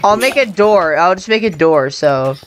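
A woman's voice: on the low side, expressive, normal speed, heavy background noise. A woman hosting a casual game session with friends, teasing and joking. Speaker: channel host playing a game. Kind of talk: casual gaming chat.

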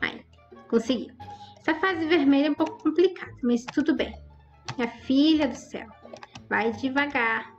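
A woman's voice: high-pitched, normal speed, long pauses, highs cut off, soft background music. A woman giving chatty, exclaiming commentary over her Roblox gameplay and talking straight to her viewers. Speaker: gaming YouTuber.

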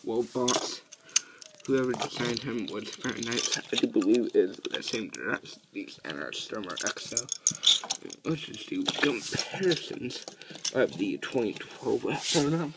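A man giving a casual toy review, talking haltingly with many ums and restarts while he handles pieces. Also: mid-range voice, expressive, heavy background noise.

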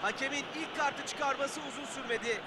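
A man's voice: very high voice, moderate pace. A man doing play-by-play football match commentary. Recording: loud stadium-like background noise.

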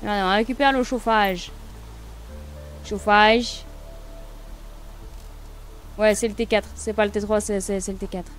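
A woman's voice: mid-range voice, steady tone, a little slow, pauses often, faint music behind. A woman casually commenting on her gameplay, thinking aloud and chatting to viewers and the game. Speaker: let's play streamer.

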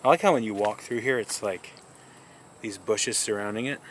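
A man with a lowish voice narrates a travel vlog outdoors at a moderate pace, touring a riverside walk with easygoing enthusiasm. There's a little hiss or hum on the recording.

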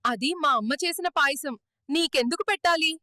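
A woman's voice: high voice, fairly quick, pushed and bright, no room sound, studio quality. A woman voicing a spoiled, jealous young house cat that bosses and boasts in a cartoon. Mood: bossy. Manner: bossy, boastful, quarrelsome. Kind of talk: cartoon voice acting.

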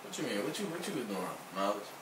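A young man, a rapper, chatting casually in a recording studio with relaxed slang and easy laughter. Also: mid-range voice, fast talker, heavy background noise. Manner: laid-back slangy banter, laughs easily. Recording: roomy, distant, music playing.

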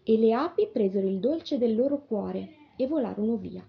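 A woman reading a children's storybook aloud on the radio, with gentle, expressive narration. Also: a little high, moderate pace, gravelly. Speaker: reader. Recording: dull lo-fi radio broadcast with faint music.

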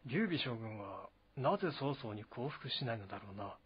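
A man voicing a wary young male officer, speaking quietly and low with restraint. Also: very animated, normal speed, slightly rough, lo-fi sound. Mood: guarded.

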